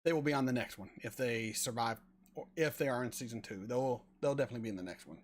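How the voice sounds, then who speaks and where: A man in his forties chatting casually on a live stream, answering viewers and often stumbling over repeated words. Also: medium pitch. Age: 40s. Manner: rambling, halting with repeated words. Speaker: reaction channel host reading chat.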